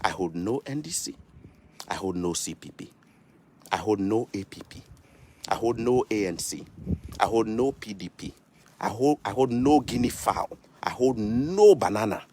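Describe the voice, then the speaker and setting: A Ghanaian man in his thirties delivers a heated, preachy rant straight to camera, hammering his points with rhetorical questions. His pitch swings widely as he builds up. He is recorded outdoors, with a faint hiss of noise behind him. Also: lively intonation, normal speed. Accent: Ghanaian English. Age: 30s. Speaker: vlogger. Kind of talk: impassioned political rant to camera. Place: outdoors in snow.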